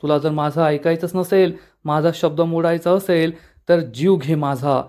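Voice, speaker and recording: A man's voice: on the high side, fairly even intonation, normal speed, darkish tone, smooth, lightly acted. A man voicing a proud, commanding village matriarch speaking to her son. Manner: commanding, emotional.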